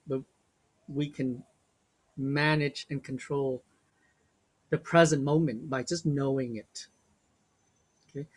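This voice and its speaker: Slow, gentle older man leading a webinar. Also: fairly high pitch. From Vietnam. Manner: slow, gentle, reflective, with small restarts. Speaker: workshop facilitator. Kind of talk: guided webinar talk.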